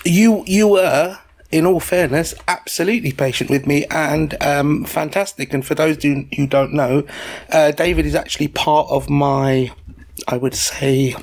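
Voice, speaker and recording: A British man in his forties chatting as a podcast host, telling personal stories in a sweary, halting, digressive way. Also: on the high side, steady tone. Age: 40s. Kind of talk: casual personal chat and storytelling.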